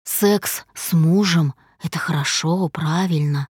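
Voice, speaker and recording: A woman reading a controlling husband in a lowered, slow, stern voice for an audiobook. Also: expressive, a little mellow, dry recording, clean studio sound. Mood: stern, coaxing. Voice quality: low, measured, slow and stern. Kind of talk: audiobook character voice.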